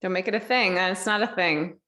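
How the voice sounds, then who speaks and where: A woman's voice: medium pitch, brisk, sharp tone. A woman co-hosting a podcast, chatting casually and playfully, laughing often and throwing in dramatic asides. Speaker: podcast co-host. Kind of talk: casual chat.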